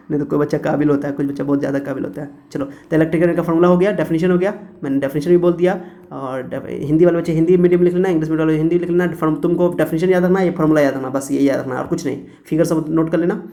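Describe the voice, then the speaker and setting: A man's voice: fairly high pitch, dark tone. A male teacher giving a chatty classroom physics lecture, repeating points and laughing at his own jokes.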